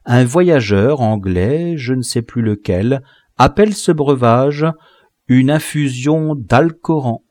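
A man reading a classic novel aloud as an audiobook narrator, in a measured, expressive way. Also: medium pitch, no echo, studio quality. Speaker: audiobook reader.

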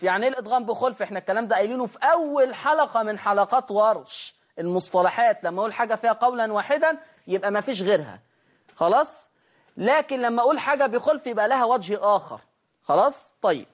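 A man with an Egyptian Arabic accent teaching a recitation lesson. He slowly stretches out each recited example, then explains it quickly and checks that his class is following. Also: high voice. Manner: addresses the class directly and checks they follow.

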